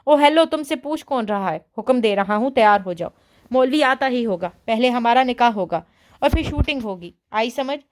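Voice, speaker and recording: A woman putting on a rude young man, pushed down from her own fairly high voice into a cold, hard register. He threatens and sneers in measured, clipped lines. This is an audiobook character voice. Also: lively intonation, close to an everyday voice. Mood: sneering. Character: rude, menacing young man, vengeful kidnapper.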